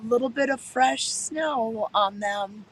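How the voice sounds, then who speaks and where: A woman's voice: on the high side, slow pace, a bit bright, slight background noise, poor audio. A woman hosting a local morning show, cheerful and chatty, reporting from outdoors. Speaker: field host. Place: outdoors at a mountain resort.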